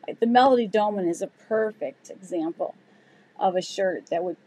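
A woman's voice: mid-range voice, moderate pace, dark tone, slight background noise. A middle-aged woman hosting a live sewing stream, chatting loosely with many fillers and restarts as she answers viewer comments. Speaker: sewing channel host.

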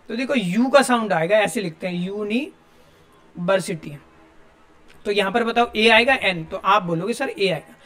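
High-pitched male teacher explaining grammar. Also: a bit bright. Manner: explains step by step, asks students questions. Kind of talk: classroom grammar lesson.

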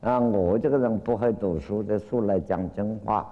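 A man teaching as a Buddhist lecturer, retelling a Zen story with lively acted-out cries and frequent drawn-out fillers. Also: on the low side, narrow, tinny audio. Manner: animated storytelling, acts out quoted cries. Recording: long hall reverb.

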